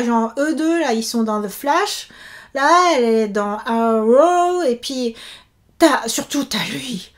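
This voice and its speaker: A woman in her thirties chatting casually to camera in a vlog, animated and full of fillers. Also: high-pitched. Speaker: YouTuber and author.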